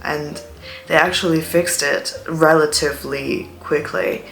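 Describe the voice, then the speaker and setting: A Chinese student from Shanghai in her twenties tells stories in a chatty, dramatic vlog monologue. Her English, picked up from TV, falls between British and American. Her voice is deep, steady, unhurried and gravelly yet a bit bright, with faint music behind her.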